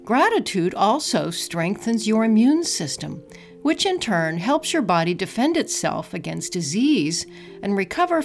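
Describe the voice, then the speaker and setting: Slow, soothing woman guiding meditation over music. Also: mid-range voice. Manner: soft, calm, soothing delivery. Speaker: meditation guide. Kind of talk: guided meditation narration.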